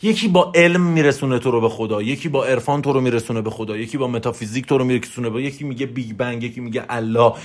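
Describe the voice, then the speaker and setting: A man giving a motivational lecture as a success coach, forceful and emphatic, raising his voice and firing off lists. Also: medium pitch. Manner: repetitive, rapid-fire lists.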